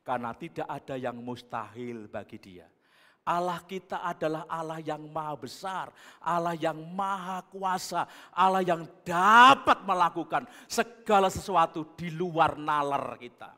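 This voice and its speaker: A man, a pastor, preaching a sermon. He moves between booming exhortation and quiet, chatty asides. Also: a little slow. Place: church hall. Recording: long church reverb.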